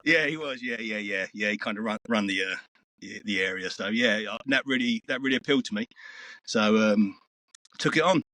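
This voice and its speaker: Rambling actor, lowish voice. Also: male voice, a little fast, sharp tone, dry recording. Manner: rambling, earthy storytelling with swearing. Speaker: interview guest, actor. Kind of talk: casual interview chat.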